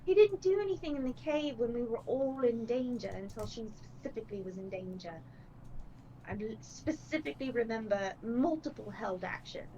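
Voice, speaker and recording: A woman's voice: fairly high pitch, mellow, close to an everyday voice. A woman voicing an articulate woman adventurer who argues her case point by point. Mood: arguing. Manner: measured and persuasive, debating point by point. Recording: slightly dull with faint noise.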